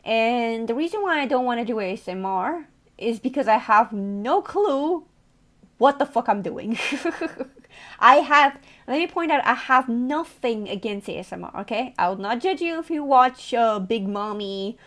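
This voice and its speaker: A woman's voice: a little high, lively intonation, normal speed, fairly bright tone. Playful streamer woman chatting with chat. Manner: playful, laughs often, teasing. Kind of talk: casual live-stream chat with viewers.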